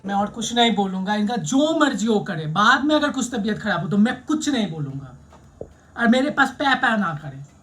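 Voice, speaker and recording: A man's voice: sits high, sing-song, moderate pace, a bit bright. A man co-hosting a casual home vlog, teasing and scolding his partner in a bossy way. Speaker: vlog co-host. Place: home room.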